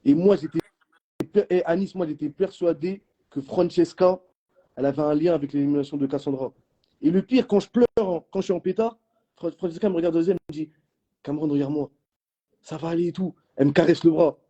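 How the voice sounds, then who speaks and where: A young man telling reality-show stories in quick, slangy casual chat, acting out what others said. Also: a little high, lo-fi sound. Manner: animated storytelling in slang, acting out others' lines.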